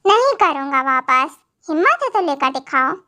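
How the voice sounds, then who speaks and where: A woman's voice: high-pitched, sing-song, moderate pace, sharp tone, full character voice. A woman voicing a possessive, teasing young man in a fan audio drama. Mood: taunting. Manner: teasing, taunting.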